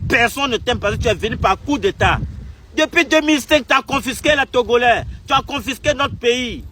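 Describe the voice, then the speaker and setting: A man's voice: extremely high pitch, slight background noise. Furious young Togolese man ranting. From Togo. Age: young adult. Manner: furious, insulting, repetitive, shouting bursts. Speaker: activist vlogger. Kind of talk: angry political rant to camera.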